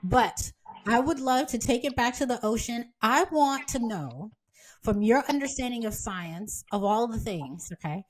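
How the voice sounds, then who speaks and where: A woman hosting a podcast in casual chat, expressive and quick to react to her guest. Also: on the high side, slight background noise. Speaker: podcast host.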